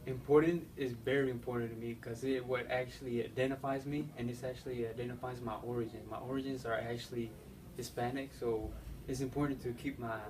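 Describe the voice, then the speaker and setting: Speaking a little fast in a steady, medium-pitched voice, this young man, whose first language is Spanish, responds to interview questions in accented English. He falters often, using fillers and starting over, and the distant mic catches faint background noise.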